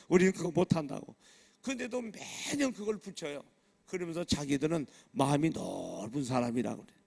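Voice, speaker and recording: An older Korean pastor with a Chungcheong accent delivers a humorous, story-driven sermon. His voice sits a bit high and carries a gravelly fry. He often breaks off to address the congregation directly. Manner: storytelling with laughs and lively asides to the congregation.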